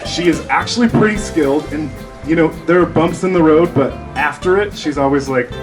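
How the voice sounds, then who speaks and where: A man's voice: fairly high pitch, brisk. Man telling a story at a ceremony, guitar behind. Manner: storytelling, chuckling often. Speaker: surgical resident giving a graduation tribute. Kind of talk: speech at a ceremony. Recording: music playing behind.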